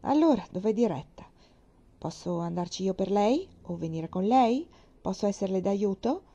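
A cheerful old navy admiral talks on with bluff frankness, as a woman reading the story puts him on. The voice is warm and dark with a gravelly edge. He sounds like a storybook character read aloud. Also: medium pitch, animated, normal speed, highs cut off. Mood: jovial. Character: hearty, jovial old navy admiral, man.

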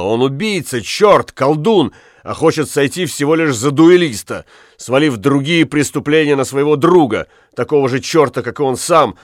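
A man narrating an audiobook with an expressive reading style. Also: medium pitch, no echo, studio quality. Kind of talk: scripted narration.

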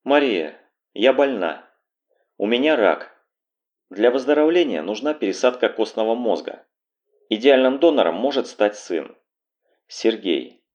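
A man reading aloud voicing a desperate middle-aged mother who pleads and then bursts into furious shouting. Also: medium pitch, sing-song, unhurried, pauses often, dull audio. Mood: pleading.

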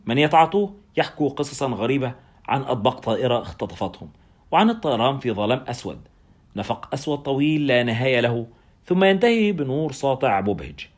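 A man's voice: medium pitch, lively intonation, fast talker, natural voice. A man voicing a bearded, talkative German anesthetist who lectures a colleague on drugs, in a storybook reading. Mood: explaining. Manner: explaining drug facts, lecturing.

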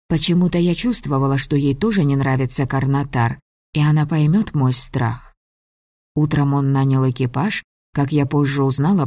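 An audiobook reader narrating a first-person fantasy story in an even, measured way. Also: medium pitch, dry recording, clean studio sound.

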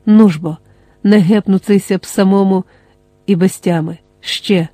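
An audiobook reader voicing a desperate young man who mutters tense, halting words to himself, in a dry, close recording. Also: sits high, fairly even intonation, warm tone, no room sound. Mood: muttering.

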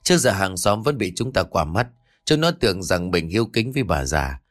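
A man's voice: sits low, very animated, moderate pace, a bit bright, dry recording, studio quality, voice pushed down, heavily acted. A man voicing a scheming, bossy eldest son. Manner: bossy, snapping orders.

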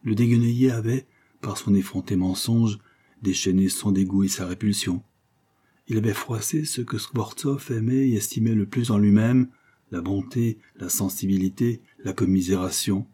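A man reading a short story aloud in a slow, measured way. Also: on the low side, steady tone, mellow, husky. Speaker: narrator.

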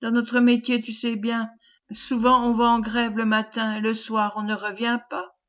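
A woman reading as a gentle young fisherman. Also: on the high side, monotone, moderate pace, muffled recording, close to an everyday voice. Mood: tender. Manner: soft and quiet, consoling. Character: gentle young male fisherman, calm before death.

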